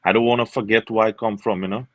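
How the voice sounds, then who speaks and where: A man's voice: fairly low pitch, steady tone, fast, fairly bright tone, dry recording, low-quality recording. A man from Trinidad, a singer chatting as a guest in an easygoing way with lots of fillers. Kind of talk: casual interview chat.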